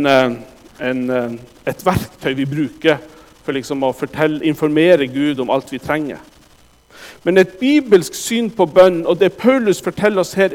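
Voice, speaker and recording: A man's voice: a little high, a little mellow, in a large hall. A man preaching a sermon, speaking emphatically and addressing the congregation directly.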